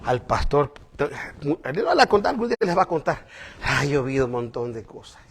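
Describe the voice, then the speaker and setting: A man preaching a conversational sermon to a congregation, often checking in with "¿verdad?" and swinging between loud emphatic lines and quiet asides. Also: fairly high pitch, sing-song, normal speed, creaky, slightly rough.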